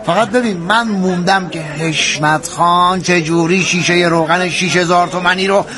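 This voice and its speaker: A man's voice: high-pitched, close to an everyday voice. A man playing a self-assured friend who poses as a crisis expert in a comedy sketch, mock-pompous and exasperated. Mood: consoling. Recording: loud audience crowd around the voice.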